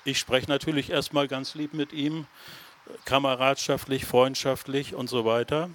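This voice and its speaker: A man's voice: mid-range voice, little pitch movement, normal speed, fairly bright tone. A man preaching a sermon, telling a story to his listeners and then building to raised, emphatic phrases. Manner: talks straight to the listeners, with many tag questions.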